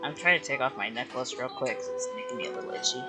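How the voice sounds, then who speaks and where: A woman's voice: a bass voice, fast. A woman streaming a video game, chatting casually and playfully with a friend. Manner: chatty, giggly, lively. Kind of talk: casual live-stream chat. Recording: voice over loud game music.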